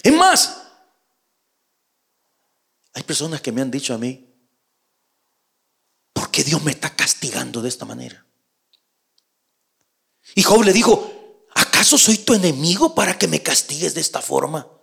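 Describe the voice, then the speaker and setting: A man preaching a sermon, speaking to the listener as his brother, shifting between hushed, slow passages and loud, emphatic ones. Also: on the high side, very animated, vocal fry, slightly rough.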